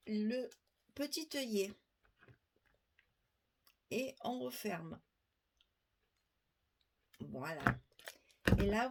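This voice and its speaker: Working at her worktable, a middle-aged crafting tutorial host walks viewers through a project step by step, chatting and tossing out asides while she explains. Her voice is a little high with vocal fry, and the recording carries a little hiss or hum.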